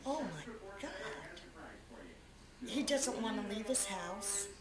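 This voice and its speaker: A woman's voice: medium pitch, animated, slow pace. Indignant middle-aged woman, roomy crowd. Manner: indignant, repeating herself. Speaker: mother of a beaten man. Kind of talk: interview, describing photos.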